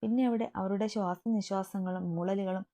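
Mellow woman narrating a story. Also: mid-range voice, steady tone, normal speed. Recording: dull lo-fi recording.

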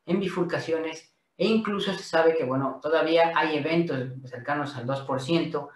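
A man's voice: a little high, moderate pace, recorded from a distance. Mexican man lecturing over video call. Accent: Mexican Spanish. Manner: explanatory, with frequent fillers. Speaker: guest speaker. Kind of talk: webinar presentation. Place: home office, video call. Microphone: laptop mic on video call. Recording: echoey room, off-mic.

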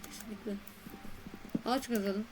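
A woman giving casual commentary while playing a game, chatty and excitable, talking to her viewers in a playful, slangy way. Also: on the high side, moderate pace, noisy background. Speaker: gaming video creator.

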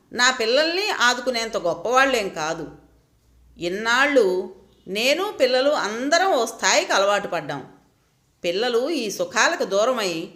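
Resigned, reasoning wife, lively, higher-toned delivery , read by a woman. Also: echoey room. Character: hurt but composed married woman.

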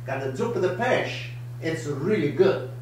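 An older man in his seventies with an Italian accent, hosting a live home cooking show in broken, animated English. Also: on the high side, a little slow, distant mic, a little hiss or hum. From Italy. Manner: broken English, lively, gestures a lot. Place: home kitchen, indoors. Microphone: camera across the counter. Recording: echoey kitchen, voice from afar.

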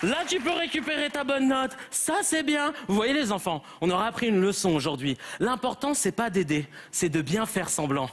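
A man's voice: high voice, lively intonation, normal speed, few pauses, a bit bright, some chatter behind. A young male comedian playing an exasperated schoolteacher who scolds his class in a stage sketch. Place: theater stage before an audience.

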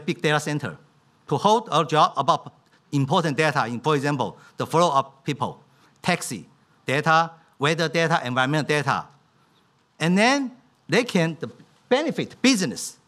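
A middle-aged man with a fairly high, bright, forceful voice gives a keynote speech at a podium in a conference hall, speaking simply. His English is non-native with simplified grammar, picked up by a podium microphone.

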